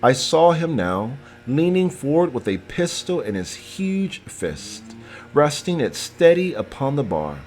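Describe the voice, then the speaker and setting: A man narrating an audiobook dramatically, reading each character's dialogue aloud in a measured delivery. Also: fairly high pitch, sing-song, darkish tone, soft background music.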